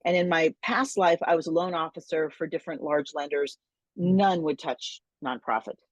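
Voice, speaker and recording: A woman's voice: low-pitched, moderate pace, no room sound, highs cut off. A woman hosting an interview, enthusiastic, often repeating words as she restarts her sentences. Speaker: host, interviewer. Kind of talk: friendly interview chat.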